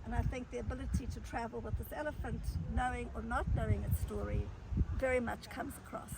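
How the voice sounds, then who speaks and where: A woman with a high voice interviews an artist outdoors. She speaks in a reflective, musing way. She is set back from the mic, and loud outdoor noise sits around her. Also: steady tone, fairly quick, gravelly, far from the mic. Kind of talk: casual interview. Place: outdoors at a zoo.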